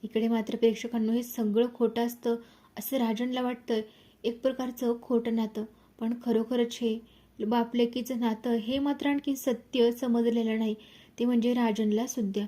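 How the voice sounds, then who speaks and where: A woman's voice: on the high side, level tone, normal speed, warm tone. A woman narrating a serial recap, addressing the audience dramatically.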